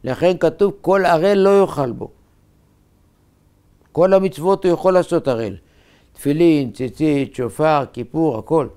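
A man, a rabbi, preaching a sermon in short, emphatic, measured phrases. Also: fairly high pitch, dark tone, clear, resonant tone.

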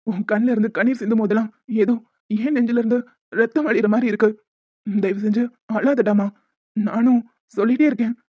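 A woman voicing a fast-talking young man. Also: a little high, dry recording, close to an everyday voice. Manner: brisk, reassuring. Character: young man, caring brother figure. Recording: dull lo-fi dry sound.

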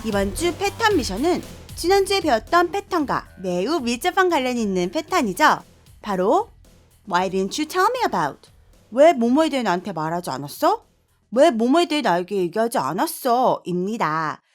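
A woman teaching an online English lesson, playful and energetic, quizzing the viewer. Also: fairly high pitch, normal speed, faint music behind.

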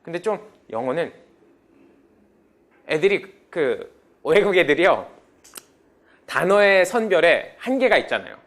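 Lively male English teacher drilling a class. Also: on the high side, unhurried, pauses often. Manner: drills students with prompts and repeats.

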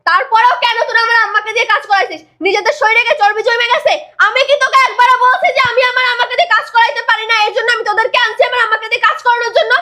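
Young woman doing a bossy protective wife, very high bright voice, fast angry scolding. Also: steady tone. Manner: scolding, forceful, insistent. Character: young wife of an expat worker, fiercely protective and commanding. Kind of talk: amateur drama acting.

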